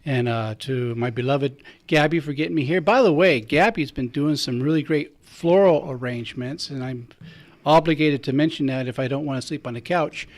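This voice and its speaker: A priest hosting a radio talk show signs off warmly, chatty and joking as he gives thanks and plugs. His mid-range voice moves at normal speed with hardly any pauses.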